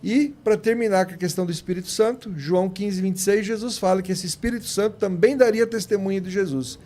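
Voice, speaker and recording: A man's voice: high-pitched, fast, warm tone. A Brazilian man explaining religious arguments as a teacher on a panel, didactic and point by point, with small checking tags. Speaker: theology teacher on a radio panel.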